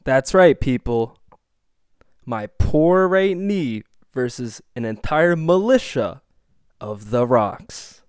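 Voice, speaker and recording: A young man narrating his own mountain biking video in a deadpan, joking voice-over. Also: medium pitch, slow, clean tone, dry recording. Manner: deadpan jokey storytelling. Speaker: mountain bike vlogger.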